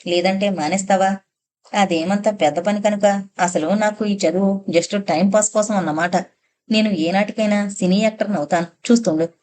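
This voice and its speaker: A woman's voice: mid-range voice, moderate pace, a little mellow, natural voice. This is a pushy young man of college age, full of big talk and self-satisfaction. He speaks eagerly and keeps the chatter going, voiced by a woman reading an audiobook. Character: boastful young male college student, pushy.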